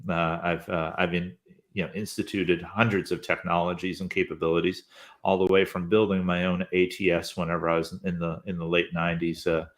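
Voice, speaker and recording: A man in his fifties, labeled as both podcast host and interview guest, tells his career story as a guest in an easygoing, rambling way with many hesitant fillers. His voice is low-pitched and level, and he talks fairly quickly.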